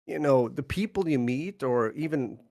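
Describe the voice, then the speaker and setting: Brief: middle-aged man, Swedish accent, podcast co-host, casual and halting, mid-pitched. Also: expressive. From northern Sweden. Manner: halting, many restarts and soft laughs. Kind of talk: casual chat.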